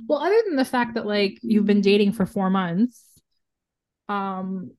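Woman, podcast host, casual chat, laughs a lot, filler words, average pitch. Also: a little slow, a little mellow. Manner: chatty, laughs often, many fillers like "um" and "like".

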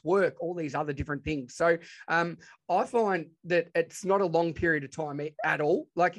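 A man with a broad Australian accent, chatting informally and enthusiastically as he tells stories as an interview guest. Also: fairly high pitch. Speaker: podcast guest, educator and presenter. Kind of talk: casual interview storytelling.

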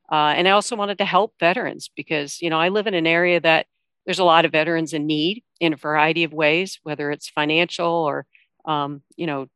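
Clear-voiced woman answering in an interview. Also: low voice, a bit bright, no echo. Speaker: interview guest, veteran coordinator at a nonprofit.

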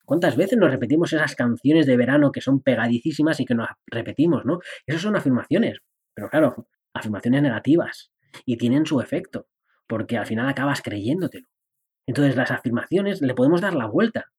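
Male podcast host, husky voice, playful and chatty, acts out inner voices. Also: mid-range voice, expressive, fairly quick, darkish tone. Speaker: podcast host and personal development coach. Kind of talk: casual podcast monologue.

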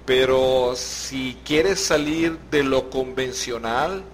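A man's voice: medium pitch, slow, slight background noise. A Venezuelan man hosting a podcast, explaining expressions patiently with examples and easy laughter. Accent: Venezuelan Spanish. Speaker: podcast host. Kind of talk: slow explanatory podcast chat.

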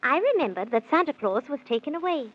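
For a 1930s children's radio serial, an actress plays a good fairy-tale queen, offering reassuring instructions in theatrical, sing-song rhyme. Her voice sits high and moves fairly quickly, and the vintage recording sounds dull.

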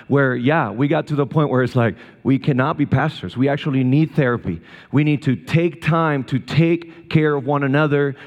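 A man from Rico, giving a sermon as a guest speaker at a church service, telling personal stories with gentle humor. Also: fairly high pitch, big-room sound, dull audio. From Puerto Rico.

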